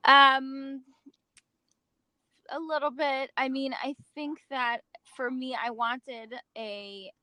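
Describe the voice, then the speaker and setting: A woman from the States, a magazine founder, talking casually as an interview guest and pausing often with fillers and restarts. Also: sits high, fairly even intonation, sharp tone, no echo. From United States. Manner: hesitant, many fillers and restarts.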